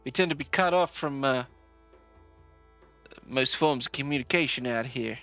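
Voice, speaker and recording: A man voicing a hospitable female settlement leader in a put-on Southern US accent, halting and friendly with many fillers. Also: mid-range voice, a bit bright, natural voice. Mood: welcoming. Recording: dry, slightly dull, faint music.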